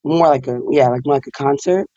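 Raspy morning voice, mellow and dark, thinking out loud, kinda muffled lo-fi line. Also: medium pitch, a little fast, no room sound. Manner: thoughtful, searching, many fillers. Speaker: performer and guest. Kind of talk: reflective interview answers.

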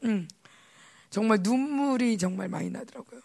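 A woman preaching at a church service, speaking in a conversational, story-driven sermon. Her voice sits a little high, with a gravelly fry and a husky edge. She brings the people in her stories to life by acting out what they said. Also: normal speed. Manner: animated storytelling, acts out quoted voices. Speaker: pastor's wife preaching.

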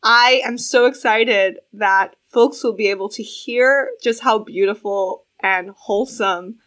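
A woman's voice: mid-range voice, measured pace, fairly bright tone. Gushing, enthusiastic woman co-host. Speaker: podcast co-host. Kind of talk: casual podcast chat.

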